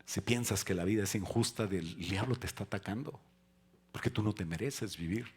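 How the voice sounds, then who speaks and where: A man with a husky, lowish voice preaches a conversational sermon at a slightly quick pace. He trades jokes with the congregation, then hammers his points home with loud, rising emphasis.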